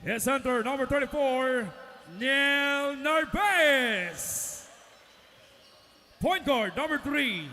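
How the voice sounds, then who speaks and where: A man working as an arena announcer, shouting hyped lineup calls with drawn-out names in the manner of a fighting game announcer. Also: extremely high pitch, a little hiss or hum. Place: large indoor sports arena. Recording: echoey arena PA with music.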